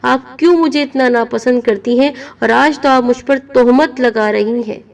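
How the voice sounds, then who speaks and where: A woman's voice: fairly high pitch, creaky, distant mic. A woman playing a hurt, pleading young niece. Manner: pleading, earnest.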